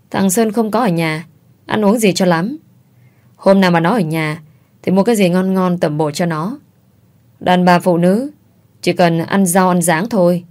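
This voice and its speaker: A bossy, tight-fisted old mother-in-law, as a woman reader puts her on, scolding and lamenting in a low, somewhat deep voice. She fits a family-drama audio story. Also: a little mellow, lightly acted. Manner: scolding, wailing.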